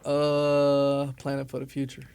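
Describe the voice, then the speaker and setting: A young man from Milwaukee with a gravelly yet smooth voice, speaking in a narrow, even tone. He talks in a laid-back, casual interview manner. The recording is dry and close. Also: medium pitch, a little slow, no echo. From Milwaukee, USA. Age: 20s. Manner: laid-back, often tags lines with "you know what I'm saying". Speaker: barber, interview guest.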